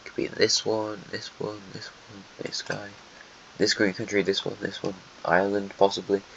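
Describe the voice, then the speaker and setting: A man with a stuffy, snotty, lowish voice narrates a map simulation at a moderate pace, with flat delivery, vocal fry and a fairly bright tone. He rambles and tosses sarcastic asides at countries, recorded on a dull lo-fi mic with faint hiss.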